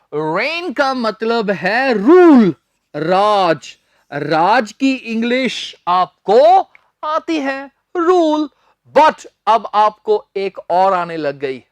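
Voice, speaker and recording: A man teaching a spoken-English lesson, spelling words letter by letter and having students repeat them in an emphatic, drawn-out way. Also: sits high, big pitch swings, dry recording.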